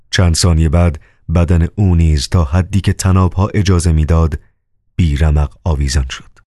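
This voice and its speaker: A man narrating a novel as an audiobook, with a measured, solemn reading. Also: low-pitched, darkish tone, no echo, clean studio sound.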